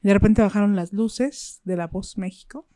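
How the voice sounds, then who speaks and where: A woman's voice: medium pitch, normal speed, mellow, no echo, clean studio sound. Chatty Mexican woman telling gossip. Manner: playful, chatty storyteller. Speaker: podcast co-host. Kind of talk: casual gossip chat.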